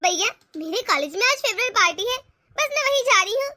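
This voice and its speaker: A woman voicing a spoiled, eager young college girl in an animated family cartoon, wheedling to get her way. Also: extremely high pitch, a little fast, no echo, studio quality, heavily acted.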